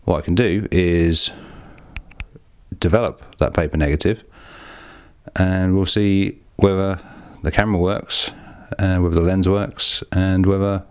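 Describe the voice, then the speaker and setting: A man's voice: low voice, fairly even intonation, unhurried, clean tone. A man hosting a podcast, rambling in a chatty, self-deprecating way with casual swearing as he talks through hands-on work in a small echoey darkroom. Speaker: podcast host.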